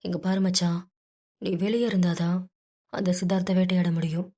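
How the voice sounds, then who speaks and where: A woman's voice: on the low side, little pitch movement, normal speed, warm tone, close to an everyday voice. A woman voicing a grown man, a loyal friend who earnestly pleads to be arrested in his friend's place. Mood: reassuring.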